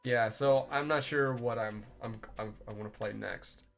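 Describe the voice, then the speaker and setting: A man's voice: medium pitch, normal speed, gravelly, faint music behind. A young man live-streaming a game, chatting loosely with viewers, rambling and swearing as he plays. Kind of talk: casual live-stream chat while playing.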